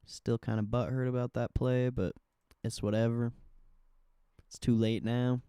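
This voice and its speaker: A man's voice: mid-range voice, level tone, a little slow, mellow, clean tone, dry recording. A man livestreaming as a trading host, chatting casually and offhandedly with slangy market commentary and mild swearing.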